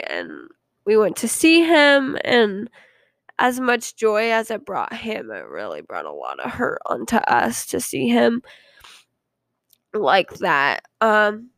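A woman's voice: a little high, wildly swooping pitch, slow pace, creaky, fairly bright tone, dry recording, studio quality. A young woman hosting a podcast, telling her own story in a rambling, hesitant, confiding way with frequent ums. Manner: earnest and confiding. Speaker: podcast host. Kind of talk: casual personal storytelling.

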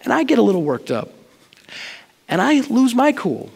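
A man's voice: very high-pitched, huge pitch swings, moderate pace, creaky, a little mellow, husky. A man preaching a sermon in a church, telling personal stories in an earnest, conversational way. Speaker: pastor. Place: church sanctuary. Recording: long reverb of a large hall.

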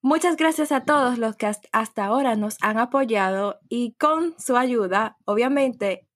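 A woman hosts a casual podcast chat and reads listener questions to her co-hosts. Her voice sits a little high. She keeps the conversation moving. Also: measured pace, fairly bright tone. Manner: leads the talk, reads questions aloud.

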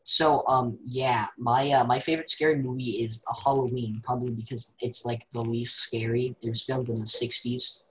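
A teenage boy chats on a video call as a podcast co-host. He is excitable and often repeats the same word over and over in rapid bursts, with a middle pitch and an everyday tone. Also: slight background noise, rough recording. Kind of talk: casual chat.

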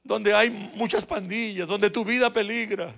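A man preaching a sermon as pastor in a church, turning from shouted exhortation to quiet, personal words to his flock. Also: sits high, fairly even intonation, measured pace, gravelly. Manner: swings between shouted exhortation and quiet, intimate asides; addresses the congregation directly and personally. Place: church sanctuary.

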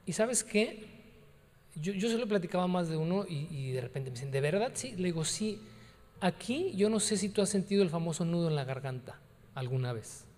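A man's voice: sits high, a little mellow, long reverb tail. A man preaching a conversational sermon, telling personal stories and repeating phrases for emphasis. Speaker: pastor.

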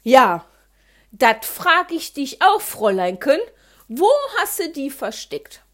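A woman's voice: high-pitched, sing-song, a little slow, full character voice. A woman putting on a scolding dad. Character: gruff middle-aged dad with a regional accent, scolding.

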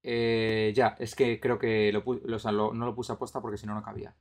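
This podcast host and streamer, a man from the Madrid area of Spain with a Madrid Spanish accent, runs a casual live stream and comments on a game in a bemused, questioning way. His voice is fairly low and darkish, with a level tone and a slightly quick pace.

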